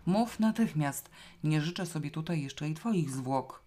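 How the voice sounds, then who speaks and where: A woman reading a storybook, voicing a suspicious, sharp-tongued hostess who questions quickly. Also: rumbling low, very animated, husky, full character voice. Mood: panicked. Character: anxious, sharp-tongued woman, middle-aged host.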